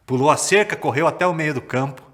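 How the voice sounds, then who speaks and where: A man with a Brazilian accent from Paraná, telling a folk tale to children in a lively, theatrical way and stretching words for effect. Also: a little high, fast talker. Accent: Paraná Brazilian Portuguese. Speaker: storyteller. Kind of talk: children's storytelling.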